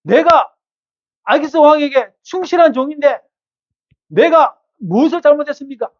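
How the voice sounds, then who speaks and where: Brief: indignant young warrior, very high, pleading with his king, done by a preacher; dull lo-fi recording. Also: animated, normal speed. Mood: indignant protest. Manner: indignant protesting.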